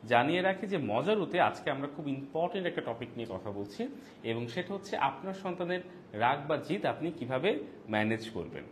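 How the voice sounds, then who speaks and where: A man with a Bangladeshi Bengali accent hosts a live parenting talk, acting out quoted lines with a lively delivery. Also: on the high side, fairly quick, slight background noise.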